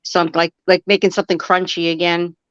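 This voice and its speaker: A woman's voice: on the low side, flat delivery, a little fast, crowd noise. A woman with a New Jersey and New York City accent, chatting casually over dull stream audio. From New Jersey or New York City area, United States. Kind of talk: casual chat.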